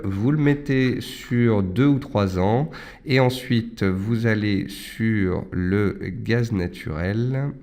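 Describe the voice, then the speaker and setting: Male morning market-briefing host, lowish pitch, live analyst commentary, step-by-step explanations for listeners. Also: darkish tone. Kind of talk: live financial market commentary with audience questions.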